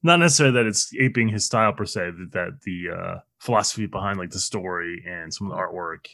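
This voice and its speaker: A man's voice: sits low, creaky, bright, forceful tone, dry recording. Wisecracking man on a podcast. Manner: wisecracking, crude, quick quips. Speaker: podcast co-host. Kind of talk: casual movie podcast chat.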